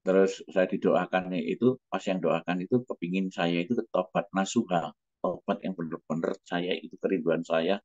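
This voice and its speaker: Middle-aged pastor, very low voice, emotional testimony, muffled dry recording. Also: male voice, steady tone, a little mellow, no room sound. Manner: emotional, halting, breaks off and restarts. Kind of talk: personal testimony.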